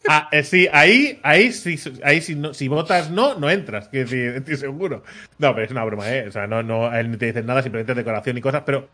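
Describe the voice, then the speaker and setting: A man's voice: mid-range voice, fast talker. A man from Catalonia, telling a story in casual chat and acting out the dialogue with many asides. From Catalonia, Spain. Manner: animated anecdote-teller, acts out dialogue, laughs often, many filler "¿vale?".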